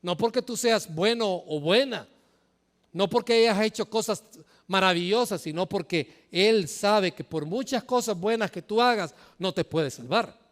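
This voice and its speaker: A man preaching a sermon, his voice riding high and bursting into loud, emphatic rises. The sound carries a long reverb that hangs in the air of a church hall. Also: unhurried. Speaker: pastor.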